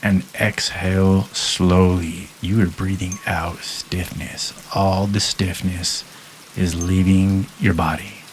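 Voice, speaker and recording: A man guiding a listener through a hypnosis induction in a soft, calm, measured way with long pauses. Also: low-pitched, slight background noise, poor audio.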